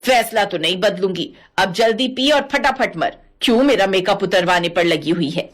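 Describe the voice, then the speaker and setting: A woman voicing a bossy, sharp-tongued widowed mother-in-law in her sixties, in a cartoon. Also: mid-range voice, animated, moderate pace, pitched below the performer's own voice, lightly acted. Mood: mocking. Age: 60s (figure). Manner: scolding, mocking. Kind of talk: cartoon voice acting.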